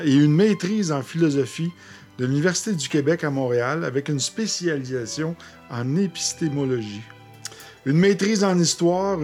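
A man co-hosting a radio chat, calmly reading out a guest's background. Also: a little high. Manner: calm, reads a guest's CV carefully. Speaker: co-host.

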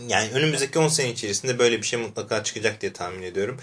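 A man's voice: fairly low pitch, rapid-fire, a bit bright. A man chatting casually about a TV series, argumentative and jokey, often checking agreement with his partner.

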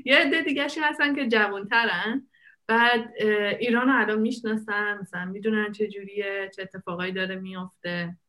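A woman's voice: medium pitch, steady tone, sharp tone. A woman from Iran, a guest living in England, chatting casually, laughing often and mimicking the people she quotes. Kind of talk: casual chat.

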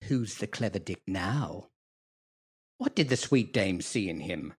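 An actor playing the scheming, bawdy villain Iago in a theatrical monologue, sneering and leering, dropping to muttered asides and rising to loud rants. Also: male voice, low-pitched, expressive, unhurried, breathy edge, exaggerated voice. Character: scheming bawdy male villain Iago, self-pitying braggart.

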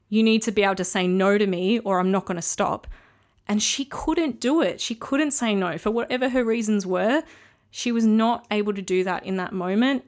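A woman hosting a solo podcast, talking casually and frankly as she gives earnest advice. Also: medium pitch. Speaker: podcast host.

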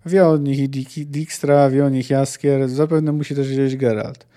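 A man's voice: mid-range voice, level tone, normal speed, warm tone. A man hosting a book discussion podcast, talking hesitantly with frequent filler sounds. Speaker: podcast host discussing a novel.

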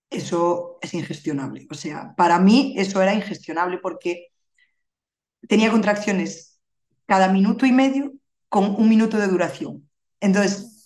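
A woman tells her birth story openly as a podcast guest. She speaks in a mid-pitched voice and keeps it conversational, with frequent little tag questions. The recording has a noticeable room echo. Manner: conversational and candid, with frequent filler tags.

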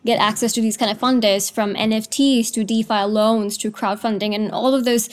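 A woman's voice: on the high side, steady tone, moderate pace. A woman answering as an interview guest, with many "you know" fillers.

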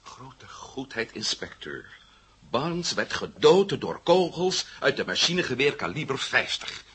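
A man's voice: medium pitch, very animated, measured pace, husky, full character voice. A man voicing a defiant, sarcastic adventurer held for questioning. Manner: sarcastic, defiant, sharp swings in loudness. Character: defiant male adventurer under arrest, sarcastic.

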